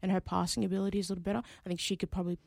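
Casual woman podcaster with gravelly fry. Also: mid-range voice, level tone, very fast, a little mellow, dry recording, clean studio sound. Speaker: podcast co-host. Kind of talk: casual sports chat.

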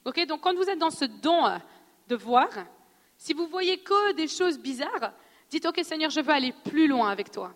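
A woman with a noticeable accent teaching a church audience on prophecy in a conversational, animated way, often laughing and asking questions. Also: high-pitched, normal speed. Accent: non-French accent in French. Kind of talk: sermon teaching. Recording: long hall reverb.

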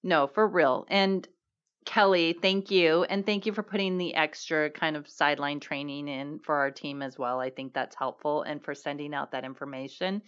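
A hoarse woman co-hosting a casual, upbeat chat. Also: sits low, fairly even intonation, normal speed, a bit bright. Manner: upbeat, encouraging. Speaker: podcast co-host. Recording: dull lo-fi recording.

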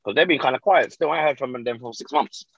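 A man's voice: medium pitch, fast, gravelly, fairly bright tone, breathy edge, dry recording, muffled recording. A man with an urban London roadman accent, chatting casually in slangy street style. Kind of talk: casual group chat.

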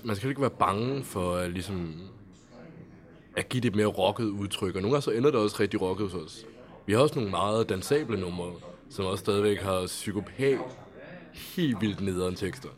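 A man's voice: fairly low pitch, expressive. A Danish man, a band member, answering interview questions at length in a thoughtful, casual way.

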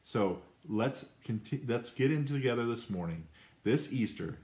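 A man's voice: medium pitch, expressive, a little slow, darkish tone. A man leading a church service as pastor, giving announcements and an earnest offering prayer with occasional "uh" fillers. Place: church sanctuary. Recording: echoey church sanctuary.

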